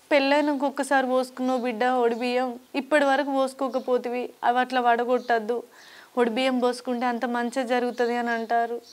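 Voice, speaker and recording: A woman's voice: high-pitched, lightly acted. An actress playing a childless village woman who pleads tearfully in a Telangana accent. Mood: pleading. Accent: Telangana Telugu. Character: village woman, childless elder sister, grieving. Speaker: elder sister.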